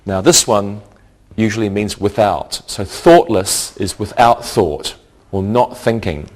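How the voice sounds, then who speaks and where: A man teaching an English lesson, spelling out word endings letter by letter and giving example sentences. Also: lowish voice. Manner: slow, deliberate, spells out letters. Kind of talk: slow classroom lesson with examples.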